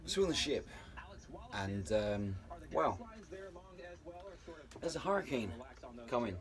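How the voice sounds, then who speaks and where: A man on a cruise ship crew chats casually to the camera in vlog style, rambling with restarts and fillers. His mid-range voice is sing-song and slow, rough as if he has just woken from a nap, and the recording is very noisy.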